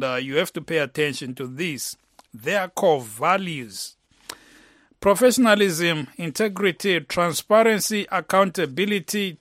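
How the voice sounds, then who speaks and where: A man with a Zimbabwean Ndebele accent, close to Zulu, hosting a live radio phone-in in a halting way, with many filled pauses. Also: medium pitch, sharp tone, dry recording. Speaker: radio host. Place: radio studio. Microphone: close studio microphone.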